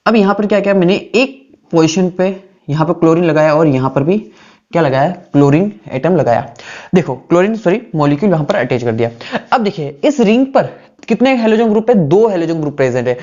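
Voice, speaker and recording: A man's voice: a little high, expressive, fairly quick, a little mellow, muffled recording. A male teacher giving a classroom lecture, asking questions aloud and answering them himself while repeating the key terms.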